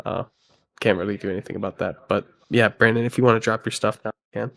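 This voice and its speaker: Sick, nasal man talking low and quiet. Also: fairly even intonation, vocal fry. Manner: low, quiet, halting with many fillers. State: sick, congested. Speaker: guest movie reviewer. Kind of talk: casual review chat.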